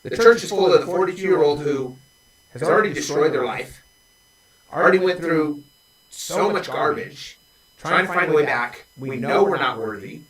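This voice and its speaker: Blunt, earnest man in his forties, slightly high voice, sits back from the mic. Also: expressive, moderate pace, a bit bright, reverberant. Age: 40s. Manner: earnest, blunt confessional talk. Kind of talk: casual conversation. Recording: voice from a distance off mic.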